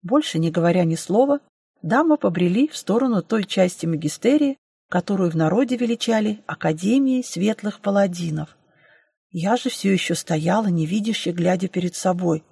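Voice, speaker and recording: A woman narrating a first-person fantasy audiobook in a lively, wry storytelling manner. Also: on the low side, normal speed, gravelly, breathy edge, no room sound, clean studio sound.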